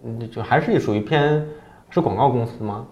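A man's voice: medium pitch, normal speed, darkish tone. A man from China hosting a casual interview, chatty and informal, often rephrasing his questions. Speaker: interviewer, host. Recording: dull echoey room recording, faint noise.

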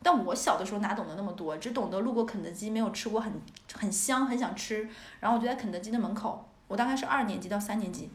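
A woman from northeast China hosting a podcast, telling childhood stories in a casual, animated way and laughing often. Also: medium pitch, quick pace, hardly any pauses. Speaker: podcast host. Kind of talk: casual storytelling chat. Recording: roomy echo.

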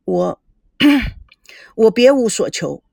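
A serene, wise young woman, as a woman narrator puts her on, speaking in measured, philosophical phrases. The tone is gentle and a little lower than the narrator's own, in a dry close recording. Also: big pitch swings, vocal fry, no echo, exaggerated voice.

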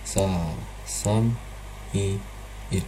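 Slow, low-voiced male Korean teacher. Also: mellow, slight background noise. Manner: patient, repeats drill sounds over and over; mixes in some Chinese words. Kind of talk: live online pronunciation lesson.

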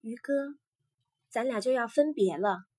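Soft pleading sea maiden, a lady reading her lines, husky higher voice, dry sound. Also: lively intonation, measured pace, no room sound. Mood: tender. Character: gentle, tearful young sea maiden.

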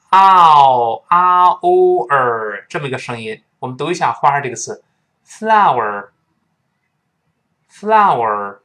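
A man speaks Mandarin Chinese while teaching English pronunciation. His pitch swings about in a lively, animated way. He reads each phrase slowly and repeats it for his students to copy.

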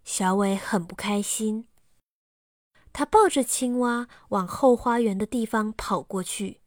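A woman narrating a children's bedtime story slowly and softly. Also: mid-range voice, no echo, clean studio sound. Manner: slow and soft.

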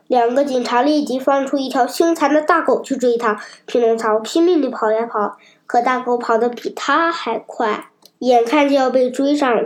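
A woman narrating a children's story aloud in a lively, expressive storytelling way. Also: a little high.

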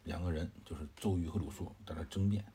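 A man retells an old tale in a relaxed, chatty way, pausing to explain and to quiz his listeners. His voice is very low and dark, with soft drawn-out particles. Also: a little hiss or hum. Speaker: storyteller. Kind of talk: casual explanatory story retelling.

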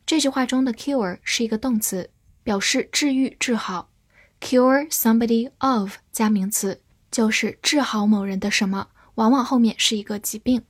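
A woman whose first language is Chinese, teaching English vocabulary in a scripted lesson and reading the example sentences slowly and patiently. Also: on the high side, husky, no echo, clean studio sound.

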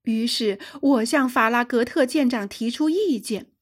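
A woman's voice: fairly high pitch, measured pace. A woman narrating a sci-fi adventure audiobook for young listeners, telling it expressively. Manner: expressive storytelling.

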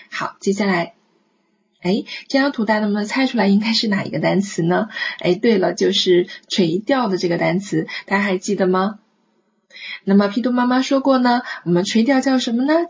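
A woman teaching French vocabulary and phonics to children, coaxing and slowly drawing out each word as she models it. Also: medium pitch, breathy edge. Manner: coaxing, slow drawn-out modeling of words. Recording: dull lo-fi recording.

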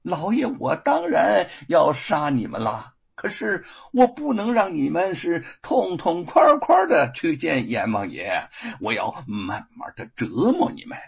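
A man's voice: high voice, wildly swooping pitch, unhurried, creaky, husky, voice pushed up, heavily acted. A storyteller voicing a cruel one-eyed male villain who sneers and taunts, in a dull lo-fi recording. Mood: gloating.

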